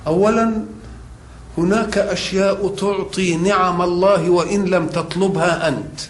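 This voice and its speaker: A man's voice: sits high, fairly even intonation. Man preaching in an echoey room. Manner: measured, explanatory, rising emphasis on key points. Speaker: religious scholar. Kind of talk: sermon. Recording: echoey room with faint noise.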